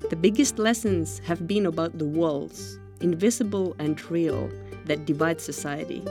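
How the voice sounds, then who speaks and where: A woman from Finland reading a scripted documentary narration as a reporter, calm and measured. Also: deep voice, music in the background.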